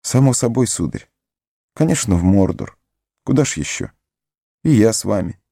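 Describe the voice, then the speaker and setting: A man's voice: lively intonation, moderate pace, mellow, dry recording, clean studio sound. A man voicing a loyal, fretful young male hobbit servant in an audiobook, pleading and tearful in a raised voice. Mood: stubborn. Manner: high pleading, sobbing, breathless. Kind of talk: audiobook character voice.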